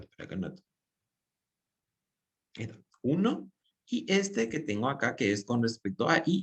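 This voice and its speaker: A man teaching a math class in an ordinary mid-range voice. He works through each step out loud as he writes and keeps asking himself questions that he then answers. His delivery is patient and methodical. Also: mid-range voice. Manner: explains step by step while writing, asks and answers his own questions. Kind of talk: recorded class lecture.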